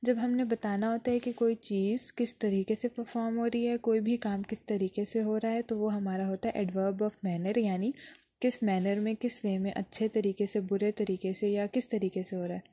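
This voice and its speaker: A woman's voice: medium pitch, steady tone, normal speed, dark tone. A woman teaching an English lesson, explaining patiently and sounding out words syllable by syllable.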